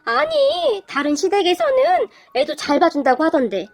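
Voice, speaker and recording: A shrill, hot-tempered young wife, put on by a woman reading a story aloud. Her voice sits high and swings wildly as she shrieks and accuses. Soft music plays behind her. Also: wildly swooping pitch, normal speed, vocal fry, dry recording, heavily acted. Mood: indignant. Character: rude, shrill young wife picking fights.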